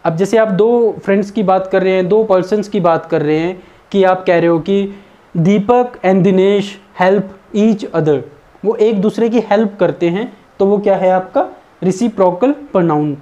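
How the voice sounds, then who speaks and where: A man teaching an exam-prep English grammar lesson, reading out his example sentences slowly and deliberately. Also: sits high, mellow, highs cut off.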